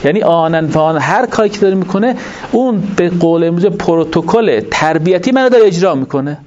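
A man giving a religious lecture to an audience, explaining points in an animated way and asking rhetorical questions. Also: high-pitched. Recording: dull lo-fi recording with faint noise.

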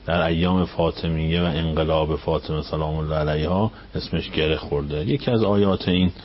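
Impassioned cleric, dull radio sound. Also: male voice, fairly even intonation. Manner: impassioned, rising up high on questions, then dropping to near-whispers. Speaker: cleric giving a religious lecture on the radio. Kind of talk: storytelling religious lecture with rhetorical questions.

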